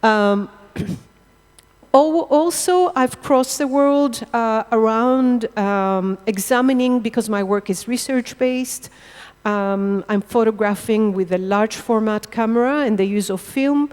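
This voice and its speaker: A middle-aged woman from Israel lectures about her photography. Her voice is smooth, resonant and sits a bit high, and she speaks haltingly as she searches for words. The talk echoes with the long reverb of a large hall. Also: a little mellow. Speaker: architectural photographer giving a lecture. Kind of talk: public lecture. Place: lecture hall under stage lights.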